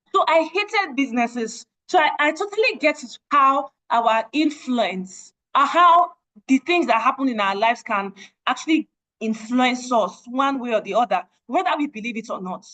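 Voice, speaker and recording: A young Nigerian-accented woman, appearing as a guest speaker at an online meeting, gives an earnest personal testimony. Her fairly high voice carries a bright, forceful tone, and she repeats phrases to press her points. The recording is rough.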